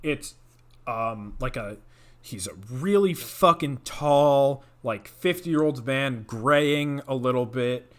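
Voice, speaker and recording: Animated young man telling a story. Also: medium pitch, slow. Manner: animated, swears a lot, acts out quoted voices. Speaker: podcast co-host. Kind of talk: casual storytelling chat.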